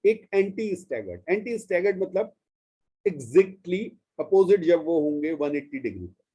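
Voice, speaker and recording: An Indian man teaches a chemistry class, patiently walking through each step, stretching out key terms and calling his students "beta." His voice is high-pitched, very animated and a little slow, with a dark, husky tone.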